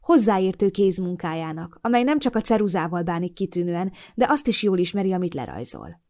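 A woman narrating a first-person audiobook with an expressive storytelling delivery. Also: fairly low pitch.

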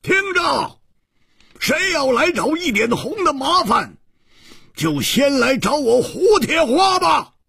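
A male storyteller voicing a brash, hot-tempered male swordsman who shouts loudly, in a Chinese martial-arts radio story. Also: very high voice, big pitch swings, slow pace, creaky, dry recording, clean studio sound, pitched above the performer's own voice, exaggerated voice. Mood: roaring. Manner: loud, shouting, self-reproaching.

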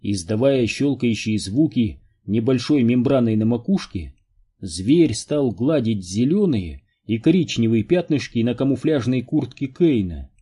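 Male audiobook narrator, very dark and husky tone. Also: medium pitch, measured pace. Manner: steady, even storytelling.

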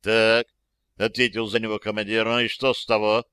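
A man's voice: lowish voice, little pitch movement, moderate pace, bright, forceful tone, clear, resonant tone, dry recording. A man voicing a proud, stern army lieutenant who commands his men, curt and commanding, read in an audiobook.

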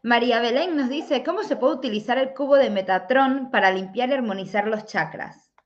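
A woman's voice: fairly high pitch, a little fast. Female Q&A host, polite question reader, muffled lo-fi audio. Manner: brief courteous thanks, then reads questions aloud. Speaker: host reading viewer questions. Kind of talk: moderating a live Q&A. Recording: dull lo-fi sound.

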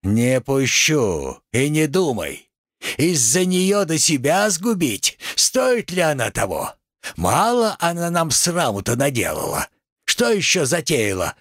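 A man's voice: a little high, huge pitch swings, takes it slowly, fairly bright tone, no echo, clean studio sound, voice pushed up, full character voice. A man voicing a stern, domineering older woman who talks in a scolding, commanding way.

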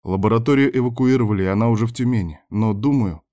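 A man's voice: mid-range voice, fast talker, dark tone, lightly acted. A man as a tense, urgent professor. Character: tense male professor urging a child away.

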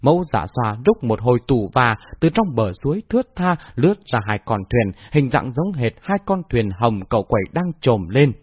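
A man's voice: mid-range voice, moderate pace, hardly any pauses, husky, dry recording. A man narrating a novel expressively as an audiobook reader. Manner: expressive, lively storytelling. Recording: dull lo-fi dry recording.

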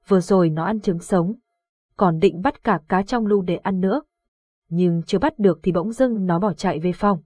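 Terrified sobbing mother, begging, horror audiobook, woman narrator, husky. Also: fairly low pitch, a little mellow, dry recording. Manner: frantic, tearful.

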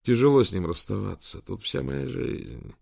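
A man's voice: mid-range voice, lively intonation, normal speed, gravelly, a little mellow, pitched above the performer's own voice. A man voicing a wry, weary middle-aged professor, close to his own reading voice.

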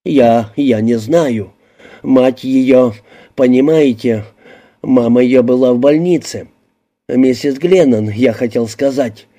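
A man's voice: mid-range voice, slow pace, mellow. A man voicing a timid, frightened small man who stammers and pleads in a shaky voice. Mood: terrified. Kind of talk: audiobook character voicing.

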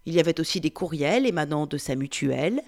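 Calm low-voiced woman reading aloud. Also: quick pace. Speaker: book reader. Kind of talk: reading a novel excerpt aloud.

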